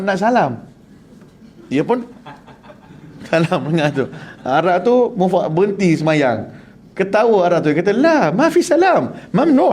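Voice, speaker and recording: Male Quran teacher, animated and joking, pitch swinging widely. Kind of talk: humorous religious class.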